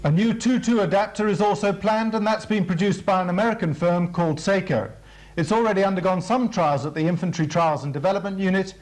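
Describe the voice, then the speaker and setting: This British man, whose voice sits notably high, presents a formal military briefing with a slightly mellow quality. His explanations are measured and scripted, in the manner of a training film narrator.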